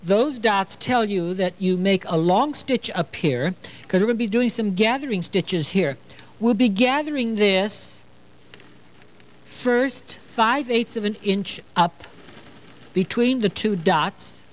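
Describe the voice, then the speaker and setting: A man's voice: sits high, slow pace, poor audio. Older guy from illinois showing how to sew a bikini on a tv studio set, chatty, jokes around, lots of "you know". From Illinois, USA. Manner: chatty, playful asides, frequent "you know". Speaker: sewing show host. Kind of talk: sewing demonstration.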